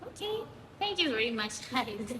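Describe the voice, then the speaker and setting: A woman who lives in Thailand hosts her own YouTube channel, chatting casually with a guest and reading him questions from a list in a casual vlog interview. Her voice is a little high and sing-song at a moderate pace. The room is echoey, with long reverb and noise.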